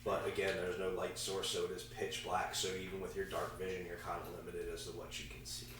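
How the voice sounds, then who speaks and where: A man with a gravelly, congested voice, casually and haltingly narrating a tabletop game as game master. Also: sits low, completely flat delivery. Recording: echoey room, far from mic, faint noise.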